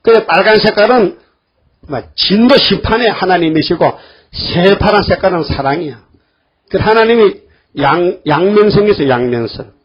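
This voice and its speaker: An older man preaches a sermon in an animated way, slipping into the voices of the people he quotes. His voice sits high and sounds husky. The recording is dull and lo-fi, taped in a church. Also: normal speed. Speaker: pastor.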